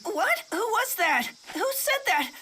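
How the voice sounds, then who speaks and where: A gamer voicing a puzzled young boy hero who asks quiet, bewildered questions. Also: very high-pitched, sing-song, slow, over loud music, voice pushed up, heavily acted.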